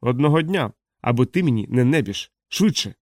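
A man voicing a boisterous winged vampire uncle who talks loudly, as if on an opera stage. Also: mid-range voice, expressive, moderate pace, no room sound, clean studio sound, close to an everyday voice. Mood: exuberant. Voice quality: loud, operatic.

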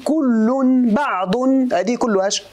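A man's voice: extremely high pitch, unhurried, a little mellow. A Moroccan man teaching a grammar lesson to students. He keeps quizzing them and mixes formal explanation with colloquial asides. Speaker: religious teacher.

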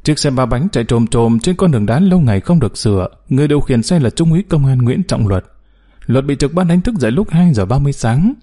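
A man reading a story aloud as narrator, telling it in an expressive way. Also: mid-range voice. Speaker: audiobook narrator.

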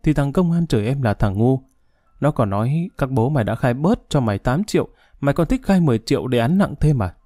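A man's voice: medium pitch, lively intonation, fairly quick, mellow, no room sound, studio quality, faint music behind, natural voice. A man voicing a timid, deferential young male inmate telling how he ended up in jail. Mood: explaining. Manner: humble, apologetic.

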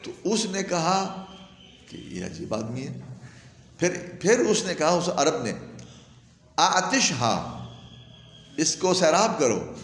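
A man giving a lecture on Arabic grammar, telling an anecdote in a lively way and reciting Arabic phrases before explaining them. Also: on the high side, slight background noise. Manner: animated storyteller who recites Arabic phrases and then glosses them. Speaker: religious teacher. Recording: echoey hall with long reverb.

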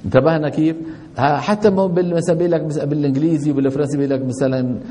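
A man's voice: on the high side, fairly even intonation, very fast, warm tone. A middle-aged man teaching a tajweed lesson, often putting questions to his students and answering them himself. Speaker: Quran recitation teacher.

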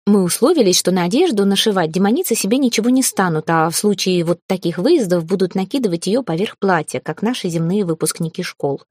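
A woman reading a first-person audiobook in a calm, even storytelling manner. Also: mid-range voice, fairly quick, hardly any pauses, no room sound. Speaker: audiobook narrator.

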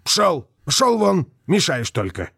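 A man voicing an irritable lodger who grumbles gruffly and hisses, then forces politeness. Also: a little high, huge pitch swings, slow, fairly bright tone, dry recording, clean studio sound, voice pushed up, exaggerated voice. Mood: gruff, annoyed.

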